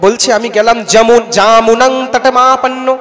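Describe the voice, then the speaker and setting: A man with a Bengali accent giving a devotional scripture discourse, chanting Sanskrit verses loudly and then explaining them conversationally while urging the audience to respond. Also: extremely high pitch, steady tone, a little slow, big-room sound. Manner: urges the audience to call out responses. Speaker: Bhagavat katha preacher. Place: large festival gathering hall.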